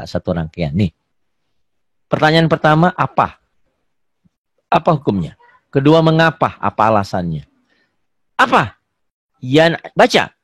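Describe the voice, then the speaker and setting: A man teaching an online Quran recitation lesson. He asks questions in a high, loud voice, answers them low and quiet, and draws out the examples slowly. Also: no echo, clean studio sound. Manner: slow, drawn-out dictation of examples.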